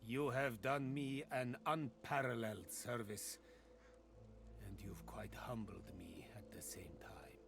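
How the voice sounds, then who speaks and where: A grave, scholarly demon hunter from a fantasy game. His gravelly voice moves slowly and formally, with courtly drama, over prominent music. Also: medium pitch, steady tone. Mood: solemn, grateful. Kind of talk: video game voice acting.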